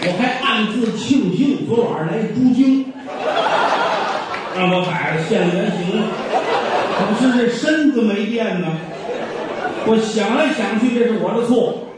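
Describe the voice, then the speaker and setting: A man's voice: sits high, unhurried, a loud crowd. A man playing a sly middle-aged male butcher who rambles glibly through a confession. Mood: confessing. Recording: very echoey hall from far off.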